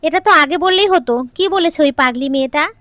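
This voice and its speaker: A loud, dramatic older mother who wails about her fate and snaps out accusations, played by a woman narrator. The voice rises high and forceful. The recording is dry and close. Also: normal speed, dry recording, natural voice. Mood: dramatic, angry. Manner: wailing, accusing.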